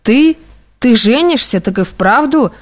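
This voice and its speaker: A woman reading aloud, voicing an excitable, sentimental young man who exclaims and gushes. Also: on the high side, a little slow. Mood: astonished. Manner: exclamatory, effusive. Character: young male clerk friend, excitable and sentimental.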